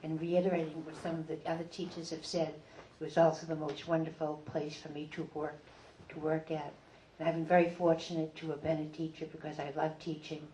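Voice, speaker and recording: Low-voiced older woman in an echoey room. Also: little pitch movement, a little fast, few pauses, dark tone, a little hiss or hum. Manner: fond, storytelling. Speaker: retired reading teacher. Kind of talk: reminiscing talk at a community gathering. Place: library meeting room. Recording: roomy echo.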